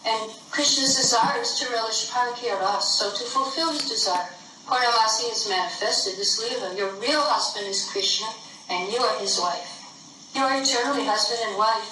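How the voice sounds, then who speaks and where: A woman's voice: a little high, normal speed, background noise, close to an everyday voice. A tearful humble husband, as a woman storyteller puts him on. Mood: pleading. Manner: pleading, tearful devotion. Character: grieving humble cowherd husband, male. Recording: echoey room, voice from a distance.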